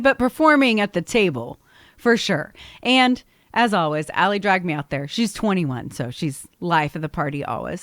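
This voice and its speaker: A woman's voice: mid-range voice, a bit bright, dry recording, clean studio sound. A woman co-hosting a radio show in casual chat, laughing often and poking fun at herself. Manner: chatty, laughs often, self-deprecating.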